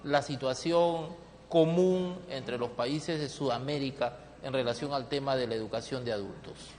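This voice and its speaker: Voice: mid-range voice, moderate pace, darkish tone. TV interviewer asking leading questions. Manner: leading questions, frequent agreeing fillers. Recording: echoey space with faint noise.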